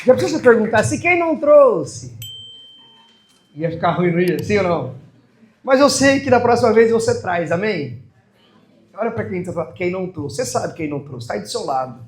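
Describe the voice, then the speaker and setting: A man with a Brazilian Portuguese accent preaching a sermon, calling out to the congregation for responses and reading scripture slowly and solemnly. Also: high-pitched, sing-song. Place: church hall. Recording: echoey church hall.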